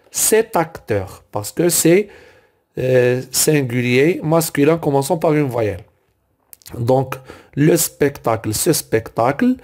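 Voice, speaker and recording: A man's voice: medium pitch, a little mellow. A man teaching a grammar lesson, working through exercises word by word, repeating each item and correcting his own slips. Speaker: French teacher. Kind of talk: slow explanatory grammar lesson.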